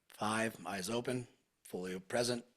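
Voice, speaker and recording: Speaking slowly and softly, a man with a deep, slightly husky voice guides a client through hypnosis. His intonation stays fairly even, and he drifts into near-whispers as he leads the session.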